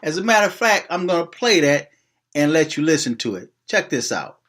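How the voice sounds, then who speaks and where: A man's voice: a little high, big pitch swings, fairly quick, fairly bright tone. Disapproving man delivering spoken commentary. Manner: disapproving, admonishing. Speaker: host commenting on interview clips.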